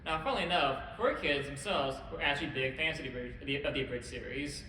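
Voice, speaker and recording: Fast-talking man presenting in an echoey hall. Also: medium pitch, sharp tone. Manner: brisk, wry, occasional self-corrections. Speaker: convention panel host. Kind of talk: presenting a history talk. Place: convention panel room. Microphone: camera at a distance. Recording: echoey hall, distant camera, background hum.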